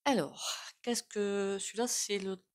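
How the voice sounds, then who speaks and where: A woman's voice: mid-range voice, fairly even intonation, a little slow. A woman doing a casual tarot reading, chatty and full of asides to her viewers. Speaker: tarot reader.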